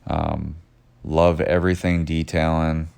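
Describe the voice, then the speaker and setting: A man narrating a behind-the-scenes video of his detailing shop's work in a self-described monotone, with frequent "uh" fillers. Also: rumbling low, measured pace, creaky, smooth. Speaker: detailing shop owner narrating. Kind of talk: voice-over narration of work footage.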